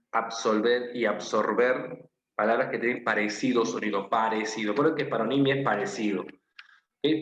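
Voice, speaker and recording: A man with a Peruvian Spanish accent, teaching an online class. He explains patiently, repeats key phrases and checks in with his students. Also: on the low side. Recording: roomy, slightly dull with faint noise.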